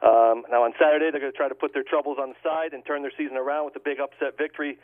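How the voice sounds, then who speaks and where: A man as a guest handicapper giving a measured, prepared-sounding football pick analysis on radio, over a thin phone-like line. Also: mid-range voice, steady tone.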